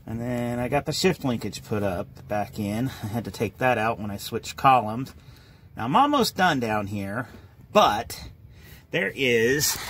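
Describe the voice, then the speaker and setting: A man's voice: mid-range voice, bright, forceful tone, a little hiss or hum. A man, casually walking viewers through his car restoration in a garage, rambling and folksy.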